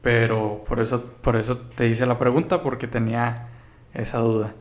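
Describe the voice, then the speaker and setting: This is a man who hosts a podcast interview. He mostly listens, putting in brief acknowledgments and short prompts. His voice sits at an ordinary, middle pitch. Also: little pitch movement, normal speed. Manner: attentive, gives short prompts. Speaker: podcast host. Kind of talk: casual interview.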